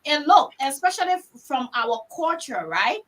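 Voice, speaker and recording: Animated Liberian woman, high and bright. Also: normal speed, poor audio. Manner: emphatic, storytelling, repeats words for stress. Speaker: discussion moderator. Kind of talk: panel discussion.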